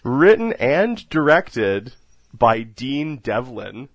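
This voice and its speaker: A man's voice: mid-range voice, big pitch swings, drawn-out words, husky, dry recording. A man hosting a casual film podcast, joking and laughing often as he talks. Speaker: podcast host.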